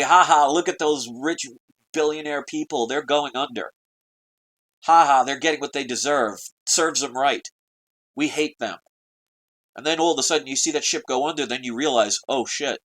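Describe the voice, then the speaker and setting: Over poor audio, a US political vlogger with a medium-pitched voice delivers a preachy, urgent rant straight to camera. He peppers his viewers with rhetorical questions throughout.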